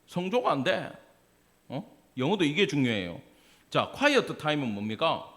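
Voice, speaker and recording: A man's voice: a little high, sing-song, a little slow, fairly bright tone. A male pastor with a Gyeongsang accent preaching a sermon in a church, talking conversationally and putting questions to the congregation. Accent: Gyeongsang Korean. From Gyeongsang province, Korea. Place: church sanctuary.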